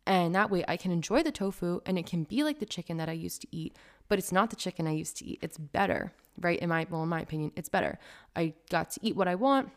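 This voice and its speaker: A young woman who is a vegan food blogger, chatting casually to camera in an animated, ranting way full of "like" fillers. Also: fairly low pitch.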